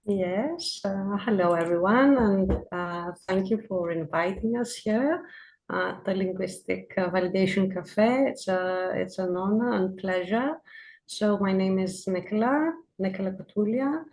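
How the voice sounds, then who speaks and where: Slow, gravelly woman guest. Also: medium pitch, darkish tone, rough recording. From Greece. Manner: hesitant, many uh and um fillers. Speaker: podcast guest, project manager. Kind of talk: casual interview answers.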